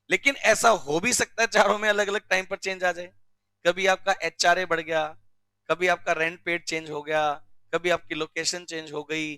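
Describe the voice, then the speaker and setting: Bright high-voiced male teacher. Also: clear, resonant tone, dry recording. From India. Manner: drilling, asks students questions often; recites rules slowly word by word. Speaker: commerce teacher. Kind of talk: classroom lecture.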